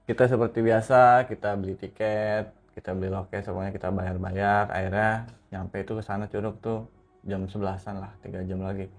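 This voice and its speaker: A man's voice: fairly low pitch, level tone, a little fast, soft background music. A young man, a podcast guest telling his horror story in casual slang with acted quotes.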